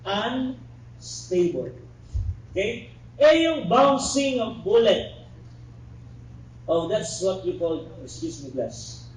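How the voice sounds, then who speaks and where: A man's voice: high-pitched, a little mellow. A middle-aged man from the Philippines giving a criminology review lecture in a classroom. He mixes teaching with joking asides and keeps checking in with the class. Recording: echoey room recorded from far off, faint background noise.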